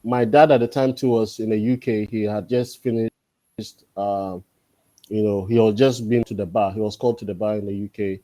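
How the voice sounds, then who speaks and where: A man around forty, a guest in a casual interview, talking thoughtfully and pausing often on drawn-out fillers. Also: lowish voice, steady tone, dark tone, dry recording. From Ghana. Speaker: podcast guest.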